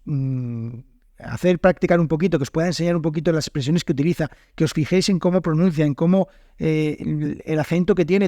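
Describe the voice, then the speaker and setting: A man's voice: on the high side, mellow, no echo, clean studio sound. A man from northern Spain with a northern Spanish accent, hosting an unscripted podcast as a Spanish teacher and talking thoughtfully, with frequent fillers and self-corrections. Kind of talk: solo podcast monologue.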